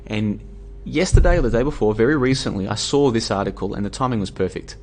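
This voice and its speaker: Streaming live from a room at home, a weary Australian man delivers a fast, expressive, argumentative monologue full of fillers and restarts. His voice is fairly low with a darkish tone, and a faint hiss sits beneath the audio.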